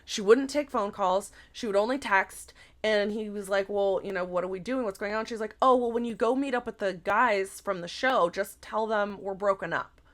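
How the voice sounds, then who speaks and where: A woman podcast co-host in casual chat, retelling a story in an animated, gossipy way, full of "like" and casual swearing. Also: medium pitch, moderate pace, few pauses.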